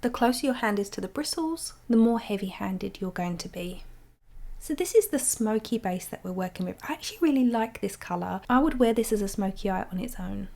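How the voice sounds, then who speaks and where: A woman, a little croaky from being under the weather, narrating a step-by-step makeup tutorial. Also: on the high side, expressive, fast talker, hardly any pauses, darkish tone. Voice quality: slightly croaky.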